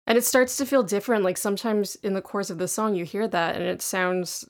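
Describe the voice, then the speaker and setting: A woman's voice: medium pitch, steady tone, a little fast. A woman co-hosting a music podcast in casual chat, talkative and laughing often. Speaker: podcast co-host.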